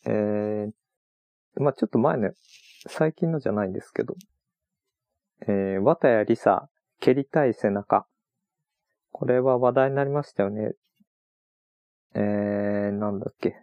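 A man chatting on his own about books he read on a trip, rambling and relaxed with many fillers. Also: on the low side, dry recording, lo-fi sound. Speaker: podcast host. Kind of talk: casual solo talk about books.

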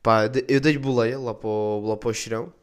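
A man's voice: mid-range voice, fairly even intonation, fast talker. Slangy young Portuguese man rambling. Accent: European Portuguese. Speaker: podcast host. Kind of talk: casual monologue storytelling.

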